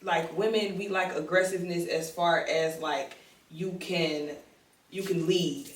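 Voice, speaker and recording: A woman's voice: fairly low pitch, fairly even intonation, unhurried. Woman, podcast guest, candid and emphatic, roomy distant sound. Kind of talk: casual podcast interview. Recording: echoey room, distant mic.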